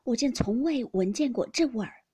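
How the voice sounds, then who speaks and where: A woman's voice: fairly high pitch, animated, normal speed, mellow, slightly rough. A woman doing a wheedling teenage boy. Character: playful teenage boy, pleading and teasing.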